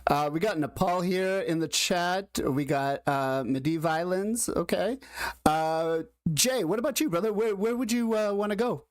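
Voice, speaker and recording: A man hosting a casual livestream, introducing guests with drawn-out hype and asking chat questions. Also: sits high, no room sound. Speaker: host.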